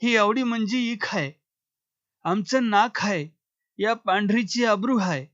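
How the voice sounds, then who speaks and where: A threatening male village headman , voiced by a man reading aloud, speaks in a high, unhurried, commanding voice. The sound is dry and dull, with no room around it. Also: fairly bright tone, no echo. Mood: stern, threatening.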